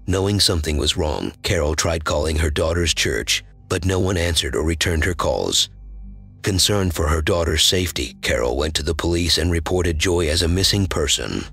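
A man narrating a true-crime documentary from a script in an even, solemn way. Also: rumbling low, moderate pace, creaky, husky, soft background music.

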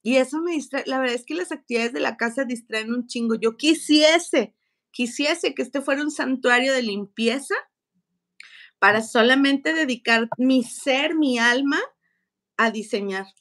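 Young Mexican woman, vlog host. High-pitched, chatty and slangy. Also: normal speed, a bit bright. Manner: chatty, slangy, laughing as she tells stories. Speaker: scrapbook channel co-host. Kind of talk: casual storytelling vlog.

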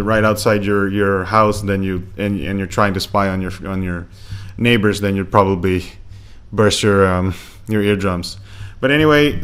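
A man with a slightly low voice chats through a gear review in a relaxed, rambling way. He trails off, restarts, and fills gaps with ums while speaking close to a desk microphone in a home room. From Philippines. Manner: rambling, many fillers and restarts. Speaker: tech reviewer. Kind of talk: casual unboxing commentary. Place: home room with laptop fan. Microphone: USB desk microphone held close.

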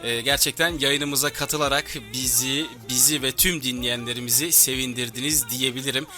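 A man's voice: medium pitch, fairly even intonation, moderate pace, sharp tone. A man hosting a live radio phone-in, courteous, repeating his thanks and phrases as he talks with his guest. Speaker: radio show host and DJ. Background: music.

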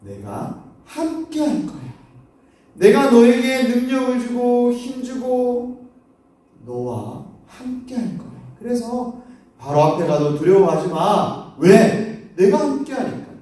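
A man doing a gentle patient God, slow and reassuring, fairly high voice, echoey church hall, from far off. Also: big pitch swings, full character voice.

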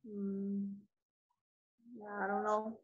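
Shy slow-speaking female student. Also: mid-range voice, completely flat delivery, breathy edge, dry recording, narrow, tinny audio, faint music behind. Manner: shy, repeats phrases slowly.

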